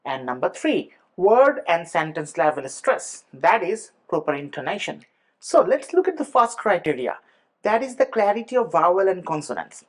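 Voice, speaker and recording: Slow-talking male tutor. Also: high-pitched. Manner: explains step by step, spells out words letter by letter. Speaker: exam prep tutor. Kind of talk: teaching lesson mixing Bengali and English.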